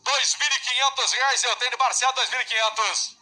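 High-pitched, piercing Brazilian male auctioneer. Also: steady tone, brisk. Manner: loud, insistent, chanting repetition. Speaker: livestock auctioneer. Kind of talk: rapid repetitive auction calling.

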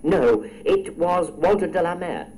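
A man hosting a radio quiz, his voice rising and falling in a lively way as he reads out questions. He teases the contestants with playful, chatty asides. A faint hiss sits under the recording. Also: on the high side, measured pace, low-quality recording. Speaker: quiz show host.

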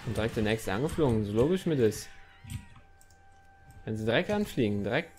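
A man's voice: mid-range voice, animated, fairly quick, darkish tone, soft background music. A young man commenting on his own gameplay in a chatty let's-play style, talking to the game and his viewers and swearing now and then. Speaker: gaming YouTuber.

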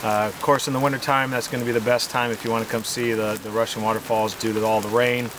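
A man chatting casually in a travel vlog, relaxed and joking, with plenty of pauses and fillers. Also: on the low side. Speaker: RV travel vlogger. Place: outdoors on a forest trail in the rain. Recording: outdoor noise with rain.

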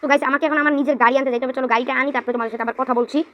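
A woman chats excitably through her gameplay, calling out to her viewers. Her voice sits high and the words tumble out very fast. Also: dull audio. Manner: excitable, chatty, addresses viewers as guys. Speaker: gaming YouTuber. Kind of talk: casual gameplay commentary.

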